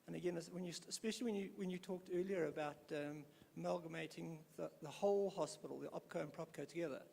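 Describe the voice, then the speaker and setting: Audience member from Natal, gravelly and a bit high, hesitant; echoey hall with faint room noise. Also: male voice, quick pace, a little mellow. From South Africa, KwaZulu-Natal. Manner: hesitant, many fillers and restarts. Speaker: hospital developer in audience. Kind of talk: audience question at panel. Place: conference hall. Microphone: handheld audience microphone. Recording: hall reverb, faint ambience.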